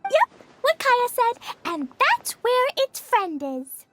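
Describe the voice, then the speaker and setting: A sweet little girl in a video game, extremely high and slow-paced. She sounds innocent, kind and eager, with a lively, childlike lilt. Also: a little hiss or hum, exaggerated voice. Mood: earnest. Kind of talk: video game cutscene voice acting. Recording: music behind the voice.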